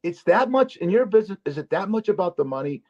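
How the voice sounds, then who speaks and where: A man's voice: high voice, very animated, fast, a little mellow. A man hosting a podcast, chatting casually and telling stories in a rambling, emphatic way with many restarts. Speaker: podcast host. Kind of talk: casual chat. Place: Las Vegas. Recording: dull lo-fi audio.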